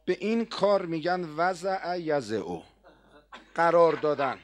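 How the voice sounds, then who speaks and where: A man's voice: a little high, expressive, crowd noise. A male preacher narrating a mourning sermon with emotion, addressing the audience directly.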